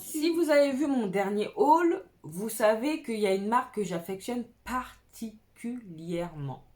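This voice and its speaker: A young woman chatting casually and enthusiastically while showing off clothes she bought secondhand, dropping slang as she goes. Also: on the high side. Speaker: fashion vlogger. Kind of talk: casual clothing haul chat.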